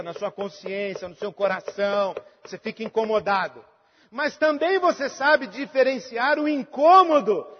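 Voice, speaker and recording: A man delivers a sermon in a high, husky voice. He is earnest, pressing some lines hard and letting others fall to a near hush. The recording is dull and lo-fi, with a long reverb trailing off the walls of a large hall. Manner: earnest, swings between emphatic and hushed. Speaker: pastor.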